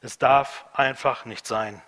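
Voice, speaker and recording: A man preaching a sermon, emphatic, repeating key phrases and swinging between loud and hushed delivery. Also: mid-range voice, steady tone, takes it slowly, in a large hall.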